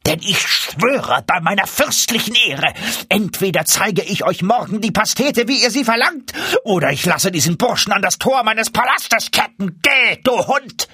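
A man voicing a proud, furious duke in a fairy-tale reading, shouting threats in a raised, strained voice. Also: medium pitch, sing-song, very slow, husky, no echo, studio quality, heavily acted. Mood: raging.

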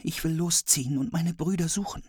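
A man voicing a frightened young princess girl in a fairy-tale reading, soft and breathy. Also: fairly high pitch, fairly quick, dry recording, clean studio sound, pitched above the performer's own voice. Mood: plaintive.

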